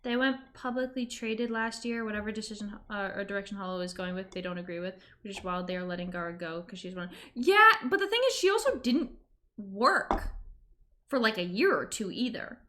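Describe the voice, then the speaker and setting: A woman's voice: mid-range voice, a little fast, a bit bright, a little hiss or hum. A woman streamer in casual reaction chat, talking informally and emphatically and acting out the reactions she quotes.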